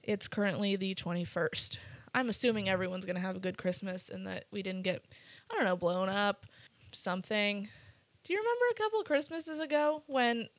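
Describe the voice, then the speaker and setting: A woman's voice: mid-range voice, moderate pace, dry recording. A woman hosts a podcast and tells stories in loose, chatty talk. She giggles often, swears freely and slips in dry sarcasm. Her voice sits in a middle range and is recorded close and dry, with no room sound around it. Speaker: podcast host. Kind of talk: casual chat, storytelling.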